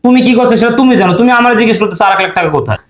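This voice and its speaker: A man's voice: very high-pitched, expressive, racing, reverberant, lo-fi sound. A man playing an insistent, accusing husband. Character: suspicious husband demanding missing money. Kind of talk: short comedy drama acting.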